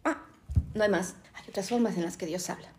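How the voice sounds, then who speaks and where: A Mexican woman teaches a Bible class in an animated storytelling manner. Her voice has a gravelly fry running through it, and her pitch sits in the middle range for a woman. She tags her sentences with questions to her listeners. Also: fairly quick.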